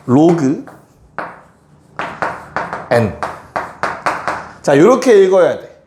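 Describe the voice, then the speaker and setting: A man's voice: fairly high pitch, a little mellow. A man teaching a math class to students, often stopping to check that they understand. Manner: addresses students directly, keeps checking they follow. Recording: echoey classroom with faint noise.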